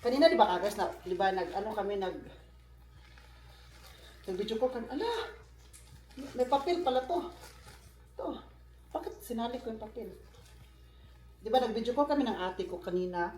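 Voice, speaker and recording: In a high, darkish voice, this man from the Philippines speaks briskly but leaves long pauses as he chats casually on his vlog. He often turns to his viewers with asides, and the recording has a roomy echo.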